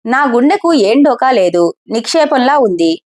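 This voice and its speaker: A woman's voice: a little high, sing-song, a little slow, a little mellow. Woman doing a smiling, reassuring sister-in-law; storybook role.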